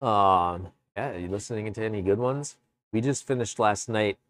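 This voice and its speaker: A man streaming live from his woodworking shop, chatting casually with viewers in a relaxed, rambling way. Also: fairly low pitch, normal speed, no room sound. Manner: relaxed, rambling, chats with viewers between tasks. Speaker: woodworking livestreamer. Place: home workshop.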